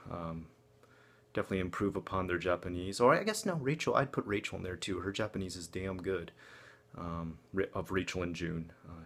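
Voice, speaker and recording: A man talks to his viewers in a casual vlog style. His voice sits on the low side with a strong vocal fry. He rambles conversationally and is openly self-deprecating. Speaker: vlogger. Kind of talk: casual vlog update to camera.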